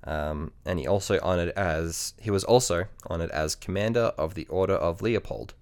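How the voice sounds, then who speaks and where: A man's voice: low-pitched, normal speed. A man co-hosting a podcast, casually telling a history story with frequent ums and restarts. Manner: relaxed, hesitant, many ums and restarts.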